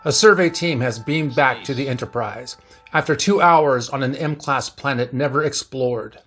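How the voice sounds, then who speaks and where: A man reading fan fiction aloud as narrator, in a steady, plain storytelling way. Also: mid-range voice, moderate pace, faint music behind.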